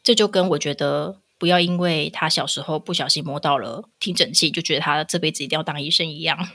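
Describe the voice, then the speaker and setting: A woman's voice: low voice, fast. A woman with a Taiwanese Mandarin accent hosting a casual, opinionated podcast, telling stories animatedly and acting out what people say. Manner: animated storytelling, acting out quotes. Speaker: podcast host.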